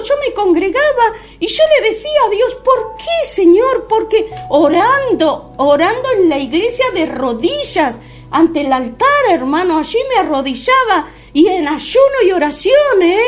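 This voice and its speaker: Fervent high-voiced Argentine woman in her fifties. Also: very animated, soft background music. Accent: Argentine Spanish. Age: 50s. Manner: fervent, keeps calling listeners brothers, halting with fillers. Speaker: radio program host giving testimony. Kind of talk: religious radio testimony.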